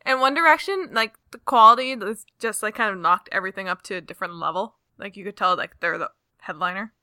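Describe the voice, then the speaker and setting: A woman's voice: medium pitch, quick pace, pushed and bright, dry recording. Young female co-host, gushing casual storyteller, dry close mic. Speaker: podcast co-host. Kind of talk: casual chat.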